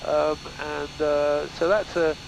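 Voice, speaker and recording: Man, flying instructor, heavy vocal fry, slightly high pitch, casual halting explanations, cockpit intercom, engine noise. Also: little pitch movement. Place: small microlight aircraft cockpit in flight. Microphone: headset. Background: aircraft engine drone.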